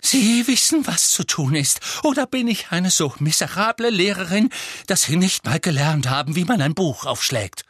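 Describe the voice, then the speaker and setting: A shrill, wildly high-pitched witchy teacher, as a male narrator puts her on, loud and hysterical with a quavering voice. She stretches her words out with great drama. It is a storybook reading in a dry, close recording. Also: big pitch swings, breathy edge, no room sound, exaggerated voice. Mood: shrill indignation. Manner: theatrical, drawn-out words. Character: high-strung middle-aged female divination teacher, offended.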